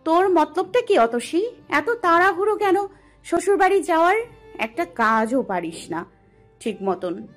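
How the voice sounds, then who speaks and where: A woman's voice: high voice, animated, measured pace. A woman voicing a caring older sister who coaxes and scolds in an audio story drama. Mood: chiding. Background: soft background music.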